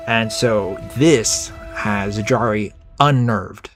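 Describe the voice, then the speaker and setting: A man's voice: on the low side, extremely slow, soft background music. A man narrating a solo tabletop role-playing game in a casual, rambling storytelling manner.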